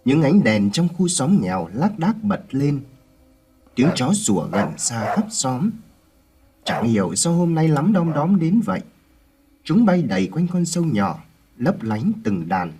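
A man narrating a scripted ghost story with a dramatic, expressive reading. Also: mid-range voice, slightly rough.

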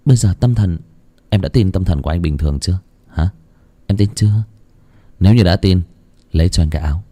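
A man's voice: sits low, brisk, dark tone, dry recording. A man voicing a stubborn, injured young man who barks orders in a ghost story reading. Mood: urgent.

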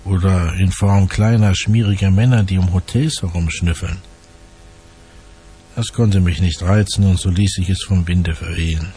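Deep, dark-voiced man narrating dryly. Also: steady tone, a little hiss or hum. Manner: dry, measured, wry. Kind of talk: first-person detective narration.

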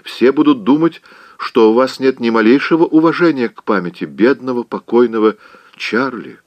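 A man's voice: medium pitch, lively intonation, normal speed, no echo, lo-fi sound, voice pushed up, natural voice. A man voicing a fussy, tearful older aunt who scolds and frets, in an audiobook reading. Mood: fretful scolding. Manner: scolding, fretful, easily weeping.

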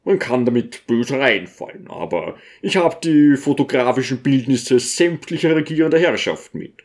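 A man's voice: mid-range voice, animated, normal speed, close to an everyday voice. A man voicing a brash, overbearing male suitor in an audiobook, talking insistently and crudely. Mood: pushy. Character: pushy, brash middle-aged male suitor.

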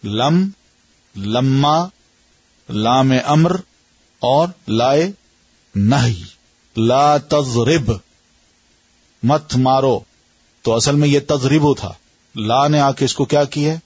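A man teaching Arabic grammar in a classroom lesson with a Pakistani accent, patiently quizzing students and drawing out word patterns slowly. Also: medium pitch, darkish tone, slightly rough, no echo. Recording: dull lo-fi lecture recording.

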